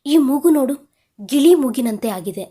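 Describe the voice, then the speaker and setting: A woman voicing a playful, apologetic young husband in an audio story, speaking in a soft, coaxing way. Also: high voice, animated, measured pace, slightly rough, full character voice. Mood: teasing.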